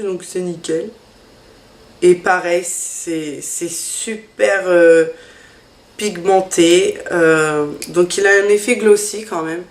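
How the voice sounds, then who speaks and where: A woman's voice: medium pitch, echoey room. A woman vlogger chatting casually through a makeup haul, hesitant, with many fillers. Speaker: beauty vlogger.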